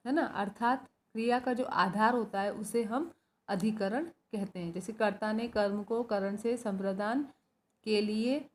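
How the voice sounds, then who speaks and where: A woman's voice: a little high, a little mellow. Woman teacher explaining step by step. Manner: explains step by step, asking and answering her own questions; often adds "है ना" to check understanding. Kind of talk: recorded classroom lesson for school students.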